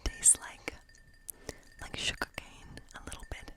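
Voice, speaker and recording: A woodland-cottage witch, friendly and playful yet lonely, is brought to life by an ASMR creator in a whispered fantasy role play. She coaxes gently with a breathy, slow, soothing manner.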